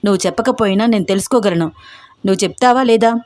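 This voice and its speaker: A woman voicing a furious, strict middle-aged mother who scolds in shrill outbursts. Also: fast, a little mellow, natural voice. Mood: angry scolding.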